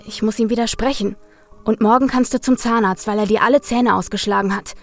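A woman's voice: fairly high pitch, fairly even intonation, fairly quick, soft background music, close to an everyday voice. A woman voicing an anxious, shaken young man. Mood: worried.

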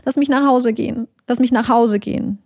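A woman's voice: on the low side, sing-song, normal speed, a little mellow, slightly rough, dry recording, studio quality, heavily acted. A woman voicing the quoted lines of a desperate, frightened young woman who pleads. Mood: pleading.

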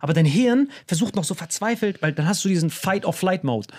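Fast, husky young man telling a story. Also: high voice. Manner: animated, acts out quoted voices, jumps between loud and hushed. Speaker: podcast host telling a story. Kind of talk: casual storytelling chat.

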